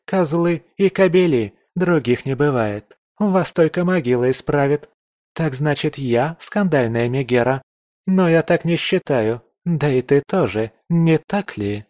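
A man's voice: fairly high pitch, lively intonation, a little slow, no room sound, clean studio sound, pitched above the performer's own voice. A man voicing a defiant, provocative young woman journalist in an audiobook, with a haughty, taunting manner. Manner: haughty, sharp-tongued, taunting. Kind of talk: audiobook character voice.

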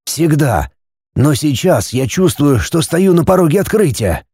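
A driven, stubborn storybook scientist and husband, as a male reader plays him, calm and reassuring as he talks. The voice is mellow and lively in pitch, recorded close and dry. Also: unhurried, breathy edge, dry recording, full character voice. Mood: persuasive, reassuring. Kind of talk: audiobook character reading.

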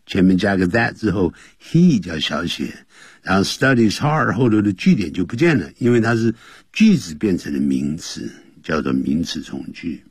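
A man teaching English grammar on a radio lesson, lively and jokey, acting out example dialogues. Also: low-pitched, moderate pace, breathy edge, dry recording, clean studio sound. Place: radio studio.

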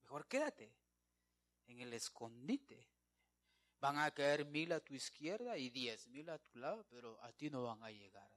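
A man's voice: medium pitch, sing-song, unhurried. Emphatic preacher man. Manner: emphatic, keeps calling listeners brother; swings between loud declarations and quiet asides. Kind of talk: evangelical sermon.

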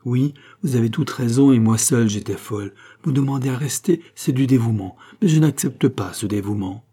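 A man voicing a proud, anxious queen, dignified and commanding, in a low husky voice. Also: moderate pace, dark tone, close to an everyday voice.

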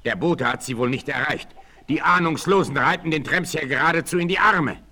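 An actor playing a bold, commanding frontier hero in a 1960s German radio play, declaiming with resolve. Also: male voice, a little high, a little fast, sharp tone, exaggerated voice. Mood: tense, watchful. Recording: 1968 vinyl radio play, noisy.

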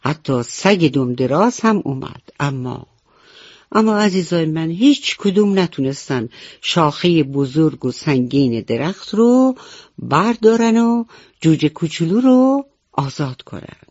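Gentle woman telling bedtime stories. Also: low voice, expressive, no room sound, dull audio. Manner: gentle, affectionate, addresses children. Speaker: storyteller. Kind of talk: bedtime story narration for children. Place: radio studio.

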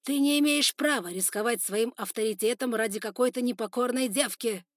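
Brief: woman doing a cruel male spider overlord, loud, raised, contemptuous, dry close read. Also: on the high side, brisk, dry recording, voice pushed up, natural voice. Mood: scornful. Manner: shouting orders, harsh and contemptuous. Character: furious older male spider lord, cruel ruler. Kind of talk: audiobook character voice.

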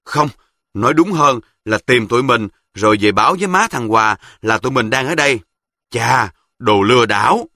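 A man voicing a clever, bossy boy from the south who speaks quickly and confidently with a Southern Vietnamese accent. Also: mid-range voice, expressive, bright, forceful tone, no echo, clean studio sound. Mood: scheming. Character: sharp, know-it-all southern boy, ringleader.

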